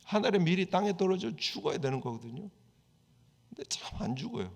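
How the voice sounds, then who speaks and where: Korean pastor preaching in a reverberant hall. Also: male voice, high-pitched, big pitch swings, brisk, vocal fry, darkish tone. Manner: conversational preaching, acts out quoted prayers. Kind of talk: sermon.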